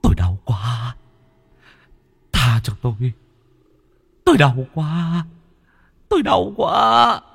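A man's voice: a little high, sing-song, takes it slowly, gravelly, long pauses, fairly bright tone, husky, in a large hall, voice pushed up, heavily acted. A man voicing the ghost of an old man crying out in pain while bound in burning chains. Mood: agonized.

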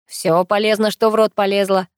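A woman's voice: mid-range voice, little pitch movement, normal speed, clear, resonant tone, no room sound, studio quality, natural voice. A woman voicing an easygoing, teasing young man who jokes lazily. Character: young man, easygoing joker, donut-eating.

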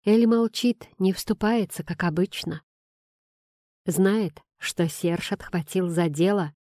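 Low-voiced woman reading an audiobook. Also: slow, dark tone, dry recording, studio quality. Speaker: audiobook reader. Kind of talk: first-person audiobook narration.

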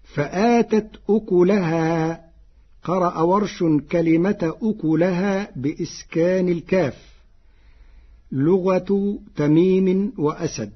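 Husky high-voiced man teaching slowly. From Egypt. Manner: measured, chants quoted verses slowly. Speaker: Quran reading scholar. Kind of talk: formal radio lesson on Quran readings. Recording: dull lo-fi radio broadcast recording.

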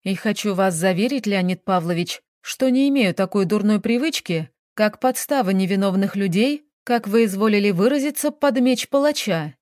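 Casting: a woman playing a calm, firm, ironic woman detective from an audiobook, dry close sound. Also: medium pitch, normal speed, few pauses, no echo, natural voice. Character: cool, composed female private detective.

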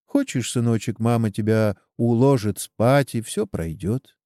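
A man's voice: medium pitch, unhurried, dark tone, no echo, clean studio sound, lightly acted. A tender worried mother, read by a man. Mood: tender worry. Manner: tender, anxious. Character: worried loving young mother.

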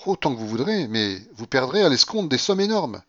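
A dutiful young tutor, as the male reader voices him, speaking politely and carefully, lifted a bit above the reader's usual tone with a lively lilt. The sound is muffled and lo-fi. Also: medium pitch, brisk, voice pushed up. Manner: polite, cautious, reasoning. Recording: muffled lo-fi recording.

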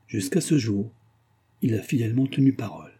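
A man narrating a literary audiobook with a measured, dramatic reading. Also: on the low side, expressive, warm tone, breathy edge.

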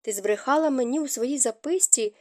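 A woman's voice: high-pitched, fairly quick, mellow, no echo, pitched above the performer's own voice, natural voice. A woman voicing an anxious, stern young nobleman husband in an audiobook, speaking urgently and insistently. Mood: agitated.

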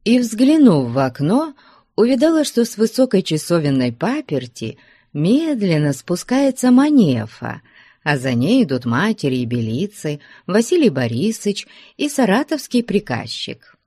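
A woman reading a literary novel aloud in a low voice with wide, lively swings of pitch. The recording is close and dry, with no room around it. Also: a little slow, breathy edge, no room sound. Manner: expressive, storytelling. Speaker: audiobook narrator. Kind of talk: literary audiobook narration.

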